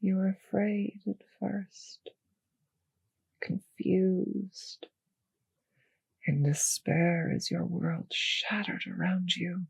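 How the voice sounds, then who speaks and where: Vampire mistress, played by a woman: very breathy, half-whispered, seductive and possessive, close dry ASMR delivery with some creak. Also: on the low side, level tone, no room sound, exaggerated voice. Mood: tender, hypnotic. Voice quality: breathy, often slipping into whispers. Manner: slow coaxing, teasing, commanding. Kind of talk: intimate ASMR audio roleplay. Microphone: close microphone, dry.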